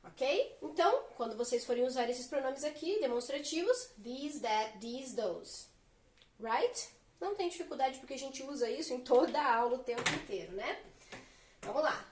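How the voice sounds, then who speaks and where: High-voiced teacher in an echoey room. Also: female voice, animated, normal speed. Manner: clear, patient explaining with rhetorical questions to students. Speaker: English teacher. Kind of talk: whiteboard grammar lesson. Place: room with a whiteboard.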